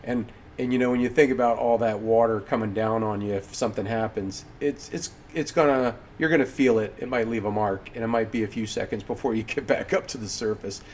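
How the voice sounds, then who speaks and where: A man with a low-pitched voice tells a personal story on his podcast. He rambles and restarts his sentences, and he pokes fun at himself as he goes. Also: fairly even intonation, fairly quick, hardly any pauses, a little mellow, a little hiss or hum. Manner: rambling, self-deprecating, with frequent restarts. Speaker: podcast host.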